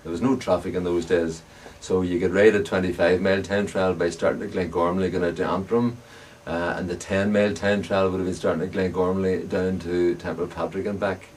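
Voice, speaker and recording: Brisk and level, with few pauses, a low, darkish voice belongs to an older Northern Irish man of about 70 or more. In his Ulster accent he casually reminisces while interviewed about frame building and club racing. The mic is distant and background noise is clear.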